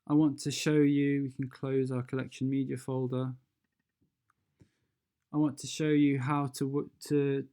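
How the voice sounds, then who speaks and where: In an off-the-cuff software demo, a presenter with a soft, mellow, clean voice takes things slowly, pausing hesitantly to reason through the steps. The intonation stays fairly flat throughout.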